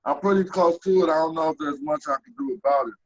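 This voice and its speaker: A man's voice: on the high side, fast. Man's voice cutting in and out. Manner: loose, restarting phrases, affable. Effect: voice cutting in and out on a weak connection. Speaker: guest musician. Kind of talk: casual interview over an online call. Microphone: online call mic. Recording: dull lo-fi call audio.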